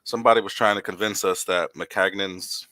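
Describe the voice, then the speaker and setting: A podcast host with a fairly low but forceful, bright voice rambles through his views in a casual sports chat, frequently restarting sentences. He talks briskly with fairly even intonation, and the sound is dry, close, and echo-free.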